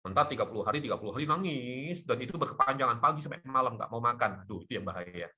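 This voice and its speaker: A middle-aged man, a doctor, explaining health topics in a lively talk show chat. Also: mid-range voice, fast. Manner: lively, animated explaining with laughs.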